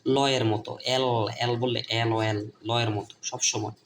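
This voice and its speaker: A man's voice: medium pitch, little pitch movement, moderate pace, slight background noise. A man with a Bangladeshi Bengali accent, teaching a lesson at a board, repeating each point and asking and answering his own questions.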